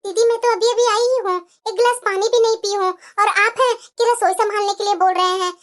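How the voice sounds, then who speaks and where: Woman voicing a meek, very high young wife. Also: steady tone, brisk. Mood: pleading. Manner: polite, pleading, meek.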